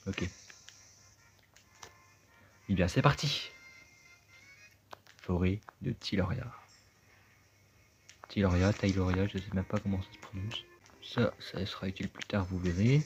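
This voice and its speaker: A man's voice: lowish voice, darkish tone. A man giving casual, chatty gameplay commentary, thinking aloud as he plays. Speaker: let's play gamer. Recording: dull lo-fi sound with game music.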